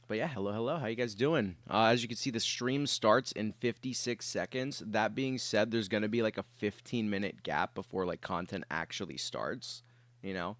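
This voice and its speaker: A man's voice: on the low side, normal speed, fairly bright tone, no room sound. A young man who is sick, chatting casually with his livestream viewers from his bedroom, rambling along with lots of fillers and the odd cough. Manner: rambling and laid-back, many fillers. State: sick, with coughs and throat clearing.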